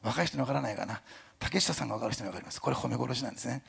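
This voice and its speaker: A male pastor preaching a sermon in a lively conversational way, with jokey asides and a hint of a Kyushu dialect. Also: medium pitch, racing, creaky, slightly rough. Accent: Kyushu dialect touches. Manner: animated, jokey asides, imitates other pastors.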